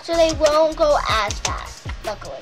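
A woman's voice: high-pitched, sing-song, moderate pace. A young girl hosting a gaming vlog, chatty and nervous, often repeating herself. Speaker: channel host. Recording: game music playing loudly underneath. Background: game music.

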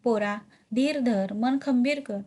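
Storybook role: gentle elderly village man, read by a woman, soothing and slow. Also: fairly high pitch. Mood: consoling. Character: old male village elder, gentle and consoling.

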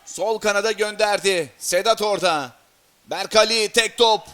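Male football commentator. Very high, bright voice, excitable live play-by-play that breaks into screaming at big moments. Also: normal speed, clean tone. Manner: shouts and screams at goals and chances.

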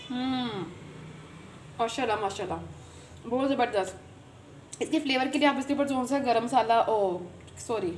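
A woman's voice: sits high, a little mellow, a little hiss or hum. A woman, a cooking channel host chatting viewers through a recipe in her home kitchen, filmed on a phone camera. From Pakistan. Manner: chatty, repeats filler phrases, addresses viewers directly.

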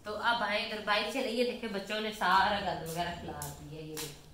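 On a casual home vlog shot with her phone, a Pakistani woman rambles to viewers nonstop, repeating "theek hai" over and over as she moves between indoors and outdoors. Her mid-range voice sounds pushed and bright, with fairly even intonation at normal speed. There's an echoey room sound, faint ambience, and slight background noise.

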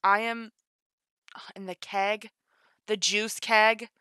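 A woman reacting to a game trailer, gushing and excitable, gasping often. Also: medium pitch, slow pace, clean tone, no room sound, studio quality. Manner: gushing, excitable, frequent gasps. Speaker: gaming youtuber. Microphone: home desk mic, no face cam.

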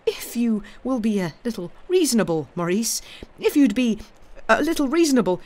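Reader putting on a panicked old lawyer, high quavering voice, stammers, begging. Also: very animated, normal speed, darkish tone, close to an everyday voice. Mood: stammering. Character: terrified older male lawyer.

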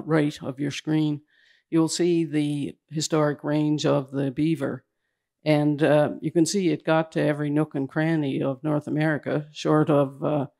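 A man giving a slide presentation at a public event indoors, talking in a hurried, halting way that keeps restarting its phrases. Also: a little high, creaky, a little mellow. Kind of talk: slide presentation to a live audience.

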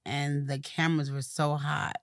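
A woman with a light lisp, speaking as a publicist guest in a relaxed, casual interview conversation. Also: low voice, normal speed, no echo, studio quality. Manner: relaxed, conversational, fillers like "you know".

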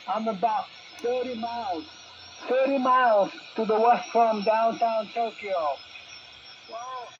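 A man on a ham radio contact, heard through a shortwave receiver, spelling call signs in the phonetic alphabet. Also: very high voice. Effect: heard over a shortwave radio receiver. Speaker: amateur radio operator. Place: station near Tokyo. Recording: muffled, noisy radio signal.

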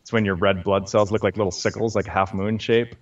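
A fairly low-voiced man who explains science patiently and steadily, dropping in lots of small fillers as he goes. The audio sounds a bit dull and lo-fi. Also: flat delivery, brisk. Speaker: guest scientist. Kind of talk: explanatory interview talk.

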